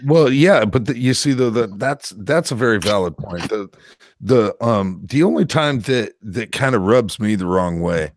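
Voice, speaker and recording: An American man in casual panel chat, halting and repeating his words. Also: on the low side, lively intonation, a little hiss or hum. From United States.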